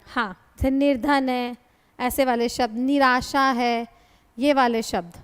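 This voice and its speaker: Woman, patient grammar teacher, high voice, reverberant hall. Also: fairly even intonation, a little slow, smooth. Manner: patient, addresses students as "beta", explains by asking questions. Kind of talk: classroom lecture.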